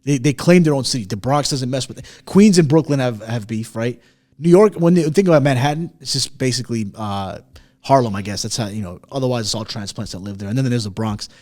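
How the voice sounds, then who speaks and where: A man who grew up in Chicago, co-hosting a casual podcast chat, emphatic and quick, swearing freely. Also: medium pitch, a little mellow. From Chicago area. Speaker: podcast co-host.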